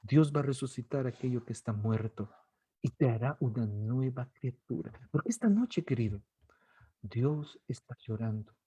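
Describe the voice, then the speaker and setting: A male pastor with a Guatemalan accent preaching an impassioned sermon, swinging between soft pleading and loud cries. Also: medium pitch, lively intonation, moderate pace, husky, no echo. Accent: Guatemalan Spanish. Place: church service streamed online.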